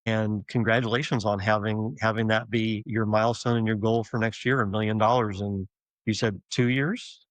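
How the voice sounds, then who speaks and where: A man's voice: lowish voice, flat delivery, moderate pace, no room sound, rough recording. A man hosting a podcast interview, reading a scripted intro and then asking questions in a casual way. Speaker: podcast host.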